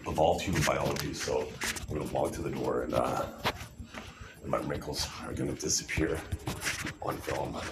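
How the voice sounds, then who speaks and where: A middle-aged vlogger rambles to the camera while showing his own videos, meandering along with lots of fillers and restarts. His voice is very deep, and the recording is very noisy.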